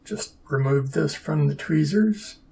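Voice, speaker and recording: A man's voice: a little high, measured pace, mellow, slightly rough. A man narrating his own papercraft build in a casual, dry, sarcastic and self-deprecating way. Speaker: papercraft hobbyist.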